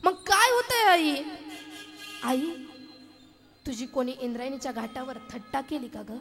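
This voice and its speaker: A woman's voice: sits high, sing-song, unhurried, over music, heavily acted. A woman voicing a pleading young boy. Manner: pleading, repeated questions. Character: anxious young boy pleading with his mother.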